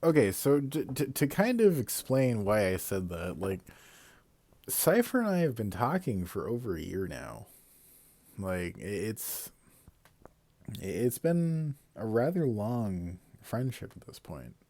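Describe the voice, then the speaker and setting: Young guy streaming, rambly and sweary, lowish mellow voice, dry mic. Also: sing-song, slow, dry recording. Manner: rambling, self-correcting, swears, laughs at himself. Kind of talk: casual live-stream commentary.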